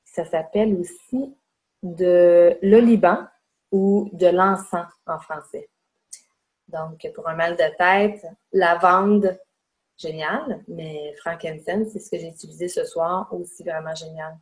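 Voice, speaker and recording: A chatty woman in her forties with a Québécois French accent presents a casual webinar lesson from a room at home, pointing out spots on herself to demonstrate. Her voice is on the low side, slow and fairly even, captured in low quality by a webcam mic on a video call.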